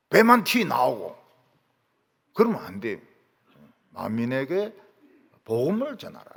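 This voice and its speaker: A man's voice: on the high side, gravelly, breathy edge. A male pastor delivering a sermon with emphatic rhetorical questions, recorded in a church hall. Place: church sanctuary. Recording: long reverb of a church hall.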